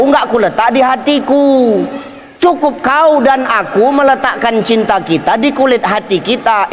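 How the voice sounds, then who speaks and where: Man, comic sermon, very high voice, echoing hall, faint background hum. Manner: joking, chatty, acts out quarrels with his wife. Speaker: preacher.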